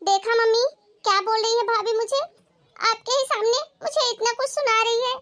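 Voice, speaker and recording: Brief: woman playing spoiled young daughter, shrill and demanding, very high, bright voice, moral-story drama. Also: fairly even intonation, a little fast. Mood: indignant.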